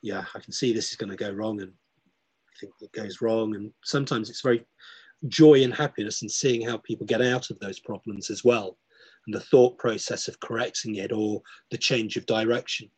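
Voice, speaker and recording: A man's voice: lowish voice, steady tone, moderate pace, husky, dry recording. A middle-aged man in casual chat, reflective and full of restarts as he tells a story. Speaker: podcast guest.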